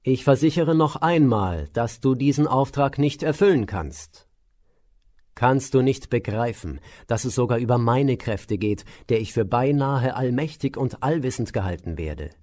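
Give me a stern, scolding old sage, as a storyteller puts him on, mellow and dark in tone. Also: male voice, medium pitch, animated, a little slow, close to an everyday voice. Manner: sharp, scolding and commanding.

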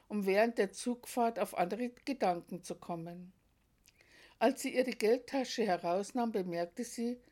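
A woman, reading her devotional testimony in a soft, reverent, measured way. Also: fairly high pitch. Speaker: devotee telling personal experiences.

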